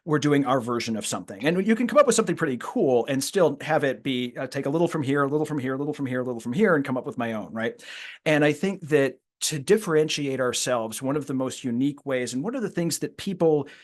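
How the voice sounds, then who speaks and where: A man's voice: medium pitch, expressive, quick pace. A man hosting a podcast interview, talking casually and reflectively, often repeating words as he thinks aloud. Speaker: podcast host.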